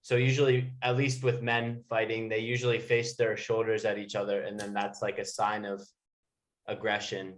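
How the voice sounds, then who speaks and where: A man's voice: fairly low pitch, level tone, moderate pace. A man tutoring English one to one, explaining informally with everyday examples. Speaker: English teacher.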